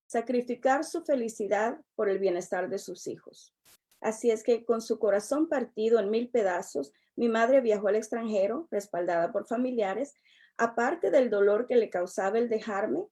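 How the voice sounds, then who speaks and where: A middle-aged woman, a relationship coach giving a prepared personal testimony in a measured, earnest way. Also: on the high side, mellow. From El Salvador. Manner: measured, earnest, unhurried delivery.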